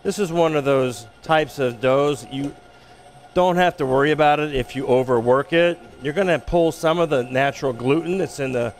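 A man working as a chef instructor, giving a relaxed, explanatory cooking demonstration in an instructional kitchen. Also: fairly high pitch, normal speed. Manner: relaxed, explanatory, with frequent restarts.

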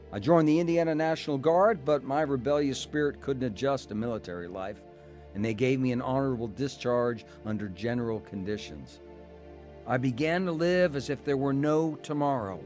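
An actor narrates and leads a dramatised radio testimony, playing a rebellious, hard-drinking young man in a reflective mood. His natural, mid-range voice is animated and slightly mellow at a moderate pace, with faint music behind.

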